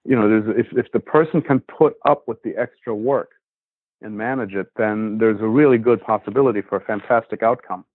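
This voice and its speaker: A man's voice: fairly low pitch, a little fast, breathy edge, no room sound. A man who trains dogs, talking casually on a podcast, rambling with many fillers. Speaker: dog trainer and podcast host. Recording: tinny phone line.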